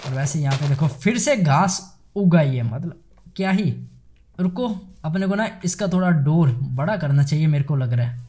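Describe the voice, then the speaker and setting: A young man giving chatty, excitable commentary while playing a game, talking straight to his viewers. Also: on the high side, normal speed. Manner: chatty, excitable, addresses viewers as guys and bhai sahab. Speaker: gaming YouTuber. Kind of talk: casual Minecraft let's play commentary.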